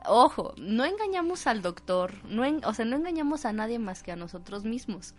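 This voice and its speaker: A woman co-hosting a psychology talk show, explaining in an animated way and acting out short exchanges. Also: on the high side, moderate pace. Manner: animated, acts out little dialogues while explaining. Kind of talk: conversational talk-show discussion.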